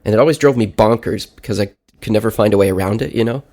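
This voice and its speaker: A man of about thirty with a fairly low voice, thick with congestion. He sounds sick and nasal, as though pinching his nose, while chatting casually through a personal podcast update. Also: quick pace, darkish tone. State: sick with a stuffy head cold. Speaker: podcast segment host. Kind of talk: casual personal audio diary.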